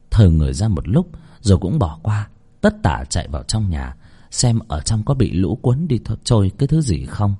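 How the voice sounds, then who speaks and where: A male storyteller narrates a horror tale in a hushed, suspenseful way. His voice is husky and mellow. His pitch swings widely.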